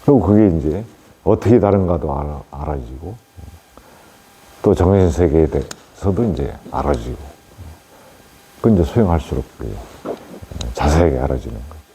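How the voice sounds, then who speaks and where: A male Buddhist monk giving a plain, unhurried dharma talk on meditation to lay listeners, with many fillers and tag questions. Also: very deep voice, lively intonation, mellow, breathy edge, rough recording.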